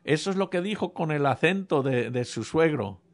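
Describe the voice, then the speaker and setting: During a sermon, a man with a slightly high, expressive voice and moderate pace recounts an amusing personal story, turning to address the congregation directly.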